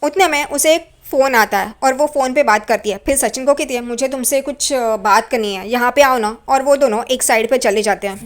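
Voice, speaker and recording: A woman retelling a TV serial episode in a brisk, chatty recap style. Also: high-pitched. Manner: brisk retelling with "yahan pe" asides.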